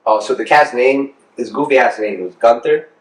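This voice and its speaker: A music producer in his thirties from Rhode Island talks casually in an interview, informal, slangy and rambling. His mid-range voice moves at normal speed. The recording is roomy and echoing, with him far from the mic.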